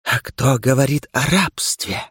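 A man voicing an arrogant, hissing female darkness in an audiobook, speaking in a slow, drawn-out, imperious way. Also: medium pitch, animated, vocal fry, slightly rough, no echo, studio quality, full character voice. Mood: coaxing. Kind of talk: audiobook character reading.

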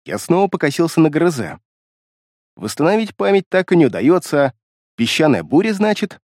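A man reads a first-person fantasy audiobook with a fairly high, very animated voice that rises and falls with the story. The sound is dry and close, with no room around it. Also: brisk, no room sound. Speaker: audiobook narrator.

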